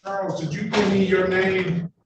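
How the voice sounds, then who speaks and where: A man's voice: high voice, steady tone, muffled recording. Man judging, echoey courtroom recording. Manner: brisk, procedural, chatty asides. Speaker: judge. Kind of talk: courtroom proceedings. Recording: echoey courtroom, distant mic, faint noise.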